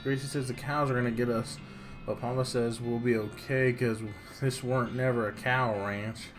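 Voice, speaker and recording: A man's voice: medium pitch, level tone, moderate pace, lightly acted. A man reading the diary of a naive, fearful young frontier girl from a game, in plain childlike phrasing. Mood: naive, uneasy. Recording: music playing behind the voice.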